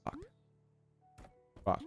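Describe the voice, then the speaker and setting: A man's voice: drawn-out words, faint music behind. A man streaming a co-op game, counting down and swearing in frustration as he plays. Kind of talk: casual gaming chat.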